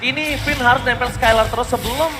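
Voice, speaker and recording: High-pitched male fighting game announcer, Indonesian accent. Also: fast talker. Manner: dramatic announcer calls, bursting into shouts. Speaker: esports play-by-play caster. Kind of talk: excited fighting game announcer style commentary. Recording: noisy live event, loud crowd.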